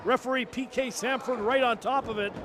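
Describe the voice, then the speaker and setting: A man's voice: very high voice, fairly even intonation, brisk. A man working as a wrestling commentator, calling live play-by-play in clipped bursts of move descriptions. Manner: narrates moves in clipped bursts. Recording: noisy event-hall recording.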